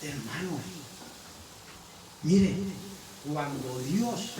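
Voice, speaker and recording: A man preaching a sermon, talking straight to his listeners with rhetorical questions and swinging from loud exclamations to low murmurs. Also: expressive, extremely slow, echoey room, recorded from a distance, noisy background.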